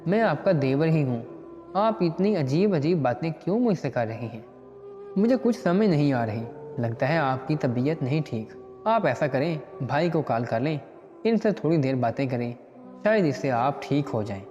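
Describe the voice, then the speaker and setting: A man voicing a gentle, caring young brother-in-law who pleads softly in a storybook tale. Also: fairly high pitch, expressive, normal speed, close to an everyday voice. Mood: concerned. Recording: dull lo-fi recording with long reverb and faint music.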